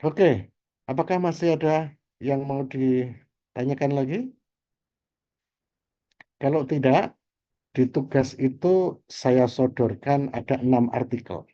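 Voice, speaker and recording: A man's voice: medium pitch, takes it slowly, long pauses, warm tone, dull audio. A man teaching an online class, explaining terms at length and ending phrases with little checks. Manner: explanatory, repeats key terms with "gitu ya". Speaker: lecturer. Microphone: video call.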